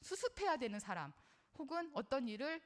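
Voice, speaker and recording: A woman's voice: high-pitched, big pitch swings, a little fast. A middle-aged woman giving a parenting lecture in an earnest, conversational way, often putting questions to her listeners and drawing on her own life as a mother. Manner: personal, shares her own experience as a mother.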